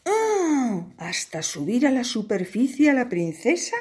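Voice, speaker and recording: A woman narrating a children's tale in a slow, playful way. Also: a little high, expressive, a little mellow, slightly rough. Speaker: storyteller.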